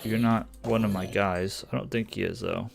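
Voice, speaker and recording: Laid-back gravelly male streamer. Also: lowish voice, steady tone, moderate pace. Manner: laid-back, mutters to himself, swears when frustrated. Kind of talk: casual gameplay commentary. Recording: lofi music faint behind.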